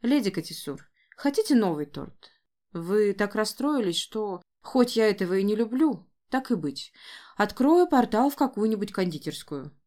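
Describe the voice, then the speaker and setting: A woman voicing a calm, wry male archmage with a measured, condescending manner. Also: mid-range voice, lightly acted.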